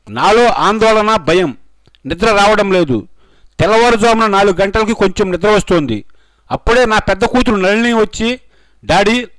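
A man's voice: high voice, fairly bright tone, no echo, poor audio. A man reading a scripted news voice-over, posing dramatic rhetorical questions along the way. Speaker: news narrator.

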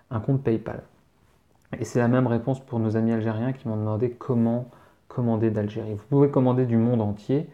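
A man's voice: fairly low pitch, dark tone, muffled recording. A man teaching French, reading out viewer questions and answering them casually, spelling words out letter by letter. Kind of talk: casual live Q&A.

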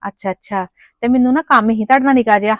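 A woman's voice: fairly high pitch, racing, no room sound, lo-fi sound. A woman playing a poor mother who pleads humbly with a neighbour and mutters to herself, in a family drama. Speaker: mother hosting in-laws. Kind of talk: Punjabi village family drama acting.

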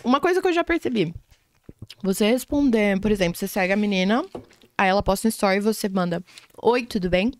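A woman's voice: mid-range voice, fast talker. A young woman, a podcast guest in casual chat, talking playfully and acting out bits of dialogue. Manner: chatty, playful, acts out little quoted dialogues.

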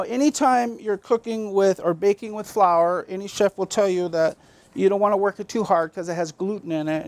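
A middle-aged man with a fairly high voice walks viewers through a recipe in a small basement kitchen. He talks in a chatty, folksy way, straight to the folks at home. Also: a little mellow. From Massachusetts, US. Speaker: cooking show host. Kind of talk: homey cooking demonstration. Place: basement kitchen of a town hall.

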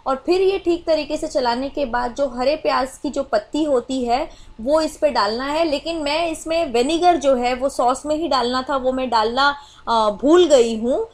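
A woman explaining a recipe step by step in a voice-over cooking tutorial, with many small filler phrases. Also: high voice. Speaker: cooking channel host.

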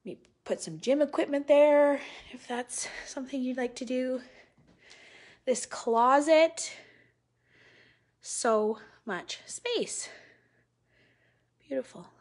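A woman in her thirties leads a live virtual tour of a house, speaking into a phone held at arm's length as she walks from room to room. Her voice sits a little high, and she talks slowly with an upbeat, admiring manner. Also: darkish tone. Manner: upbeat, admiring, slow and deliberate. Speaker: real estate agent. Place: large house indoors, walking room to room.

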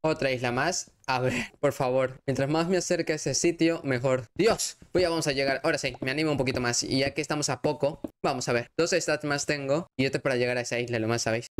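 A man giving excitable let's-play commentary as a gaming YouTuber, chatting to his viewers with sudden outbursts. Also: medium pitch, fast, hardly any pauses, slight background noise.

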